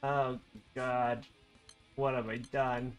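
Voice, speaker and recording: A game streamer giving live commentary at home, excitable, swearing often and laughing at their own mistakes. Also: mid-range voice, drawn-out words, soft background music. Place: at home with a cat nearby.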